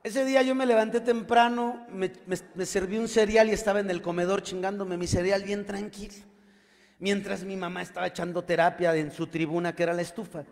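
A man's voice: high-pitched, steady tone, fairly quick, long reverb tail. A man with a Mexican accent sharing his recovery testimony with his group, using crude slang and calling his listeners compañeros.

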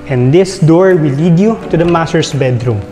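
A man with a Filipino accent narrates a property tour, strolling from room to room and ticking off fixtures with little tags like "yan" and "no". His voice sits a bit high for a man. The sound rings through large, bare rooms, with soft music playing underneath. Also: normal speed, reverberant, in a large hall. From Philippines. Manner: walking while narrating, listing features with frequent "yan" and "no" tags. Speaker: real estate tour guide. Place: large empty house, indoors.

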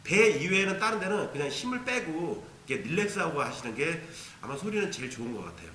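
A man's voice: a little high, sing-song, fast talker, fairly bright tone, echoey room, a little hiss or hum. A man teaching a beginner ocarina lesson, patiently explaining and demonstrating tonguing syllables aloud. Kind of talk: instructional video lesson.

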